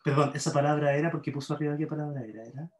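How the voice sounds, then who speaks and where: A man's voice: fairly high pitch, steady tone, racing, echoey room, poor audio. A man with a Chilean accent teaching a university grammar class online. He explains by repeating examples and checks in with his students. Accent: Chilean Spanish.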